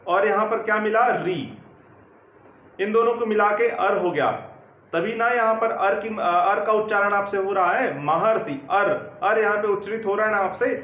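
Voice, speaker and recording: A man's voice: sits high, normal speed, reverberant, narrow, tinny audio. A man teaching grammar, explaining step by step and often checking that students follow. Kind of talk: classroom lecture.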